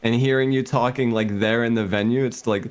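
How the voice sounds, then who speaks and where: A man chatting casually as a guest on a stream, easygoing and admiring, in halting phrases. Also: medium pitch, fairly even intonation, slight background noise. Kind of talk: casual chat.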